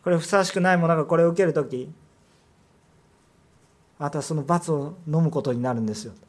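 A man gives a sermon as pastor, speaking fairly quickly in a voice a bit high for a man. He makes his points with rhetorical questions, and his emphasis rises when a line counts.

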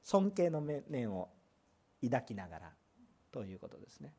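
Animated, emphatic Japanese-speaking pastor. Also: mid-range voice, moderate pace. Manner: emphatic, with loud bursts and rhetorical questions. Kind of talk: sermon.

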